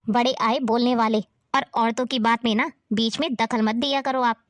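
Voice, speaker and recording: A woman's voice: fairly high pitch, steady tone, normal speed, dry recording, lightly acted. A woman playing an older mother-in-law who nags and taunts in a family drama. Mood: scolding. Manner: scolding, taunting. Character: nagging older mother-in-law, harsh and scornful.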